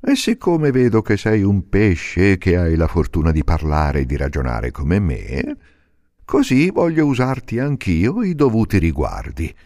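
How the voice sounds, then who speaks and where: A man's voice: deep voice, wildly swooping pitch, unhurried, dark tone, no echo, clean studio sound, pitched above the performer's own voice, full character voice. A man voicing a mocking, greedy fisherman in a storybook reading. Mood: gloating. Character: gloating, hungry adult male fisherman.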